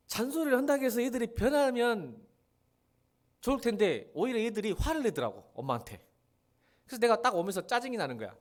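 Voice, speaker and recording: A middle-aged man preaching a sermon as pastor, acting out quoted voices and swinging between loud emphasis and quiet asides. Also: sits high.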